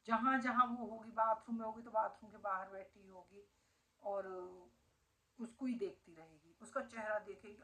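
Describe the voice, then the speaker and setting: A woman's voice: on the high side, fairly bright tone, poor audio. Emotional middle-aged woman, home vlog. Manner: emotional, talking to a pet dog in a doting voice. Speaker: family vlogger. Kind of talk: casual home vlog talking to viewers. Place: at home indoors.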